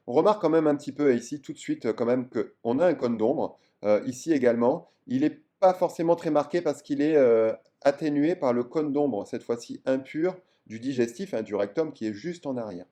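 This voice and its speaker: A man's voice: medium pitch, a little fast, few pauses, mellow. A man, a general practitioner, gives a casual video lesson on ultrasound in a chatty, enthusiastic way with many fillers. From France.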